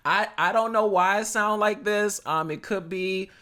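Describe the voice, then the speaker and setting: Man, 30s, high voice, sassy, animated, casual podcast host. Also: a little slow. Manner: animated, sassy, with playful exclamations.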